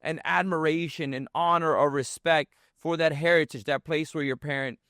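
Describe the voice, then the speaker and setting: Male political host, slightly high pitch, measured and hedging, dry close mic. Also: steady tone, a bit bright, no echo. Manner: measured, hedging with fillers and restarts. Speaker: show host. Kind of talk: political talk show.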